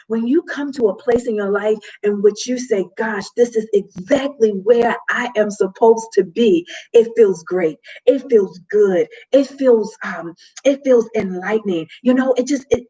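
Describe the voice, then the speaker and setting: A woman's voice: a little high, darkish tone, breathy edge, poor audio. A woman giving a faith-based motivational talk, preacherly and full of repetition, breaking into laughter now and then. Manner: preacherly, repeats phrases, laughs often. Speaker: motivational speaker.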